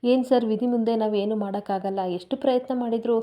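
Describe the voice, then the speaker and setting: A woman's voice: on the high side, steady tone, a little fast, warm tone, natural voice. A woman reading a tearful, resigned young woman. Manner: weary, resigned.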